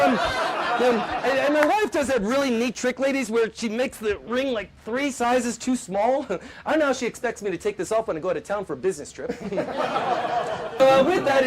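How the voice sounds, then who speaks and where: A man performing stand-up magic patter on stage, telling a comic story quickly with punchlines. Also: high voice, noisy background. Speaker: magician doing a comedy routine. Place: theater stage before a live audience.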